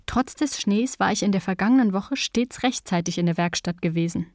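A woman reading a novel aloud in the first person, calm and measured. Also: medium pitch, no echo, studio quality. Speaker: audiobook narrator. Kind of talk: scripted first-person narration.

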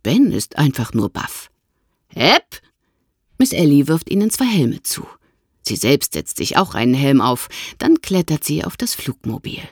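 A woman narrating a children's audiobook in an expressive storytelling manner. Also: sits low, normal speed, husky, no echo, clean studio sound.

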